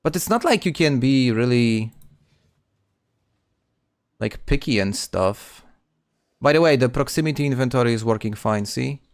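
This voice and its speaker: A man's voice: medium pitch, expressive, normal speed, pauses often, dry recording, studio quality. A man casually commenting on his gameplay stream, chatting with viewers and often restarting words.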